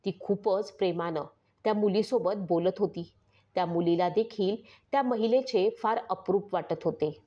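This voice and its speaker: A woman reading a true-crime story as a scripted narration, steady and measured, with dramatic pauses. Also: mid-range voice. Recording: slightly dull lo-fi recording.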